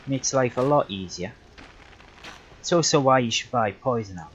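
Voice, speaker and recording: A young man talks his way through a livestreamed game in a loose, unhurried way. He rambles and backtracks with plenty of fillers. His voice sits at an ordinary middle pitch. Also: lo-fi sound, slight background noise. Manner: relaxed, rambling, self-correcting with many fillers. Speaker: livestreaming gamer. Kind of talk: casual gameplay commentary.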